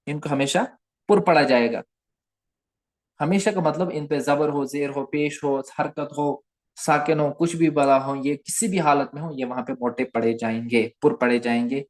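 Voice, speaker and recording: A man teaching recitation rules in a recorded slide lecture. He asks questions and answers them himself, repeats key terms, and drags out example words slowly. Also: a little high, a little mellow, no echo.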